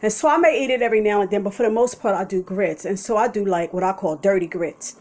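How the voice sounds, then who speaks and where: A woman's voice: mid-range voice, fast, a little mellow, rough recording. A woman vlogging a casual cooking demonstration in her home kitchen, talking in a chatty, rambling way and correcting herself as she goes. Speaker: vlogger cooking a vegan breakfast. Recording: kitchen noise and pan sizzle. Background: food sizzling in a pan.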